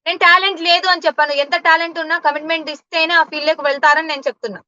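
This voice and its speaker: A woman's voice: extremely high pitch, fairly even intonation, racing, sharp tone, no room sound, muffled recording. A woman giving blunt, indignant answers in an interview. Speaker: interview guest.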